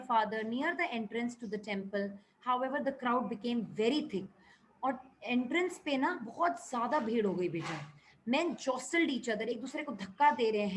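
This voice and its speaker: A woman's voice: on the high side, slight background noise, poor audio. A woman teacher reading a story aloud in English and explaining it line by line in Hindi. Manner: reads English lines slowly, then explains in Hindi.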